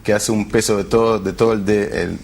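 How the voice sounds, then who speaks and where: A man's voice: lowish voice, steady tone, brisk, vocal fry, darkish tone. A man, a tech company founder who hesitates and restarts often as he searches for words in a TV interview. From Argentina. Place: television studio.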